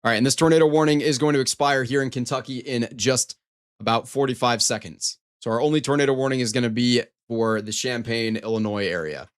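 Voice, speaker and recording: A man's voice: medium pitch, fairly quick. A man hosting a live storm coverage stream, giving running weather commentary in an emphatic, repetitive way. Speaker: storm coverage livestream host.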